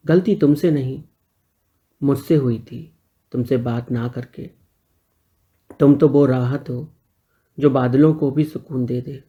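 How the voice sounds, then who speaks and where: A man voicing a gentle, joking neighbor who is a little older and talks calmly and reassuringly. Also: mid-range voice, slow, pauses often, narrow, tinny audio, natural voice. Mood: tender.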